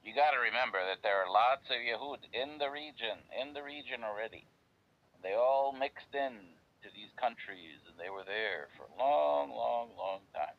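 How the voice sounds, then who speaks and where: New York man, relaxed joking host, mid pitch, muffled lo-fi audio. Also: moderate pace, vocal fry. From United States. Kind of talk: casual chat.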